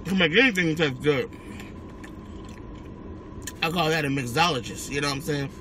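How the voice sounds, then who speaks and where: Over clear background noise and the ambience of a car, an American mukbang vlogger eats and chats casually with his audience, chewing as he speaks and humming with relish. His voice is a little high and fairly bright, at normal speed.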